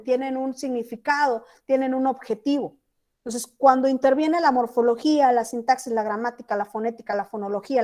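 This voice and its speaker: A high-voiced woman teacher from Chiapas, Mexico, gives an online class lecture over a video call. She keeps checking whether her students are following along. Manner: checks in often with students, asking "¿sí?".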